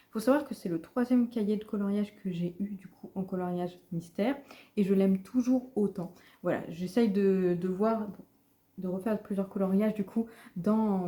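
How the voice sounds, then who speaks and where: Chatty woman with a very dark, mellow voice. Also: medium pitch. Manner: chatty, many fillers and restarts. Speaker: book vlogger. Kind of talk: casual vlog chat.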